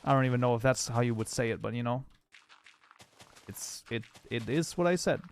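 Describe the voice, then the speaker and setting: A man's voice: medium pitch, fairly quick, slight background noise. Chatty man streaming his modding. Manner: rambling, excitable, reacts to chat. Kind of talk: casual live-stream chat.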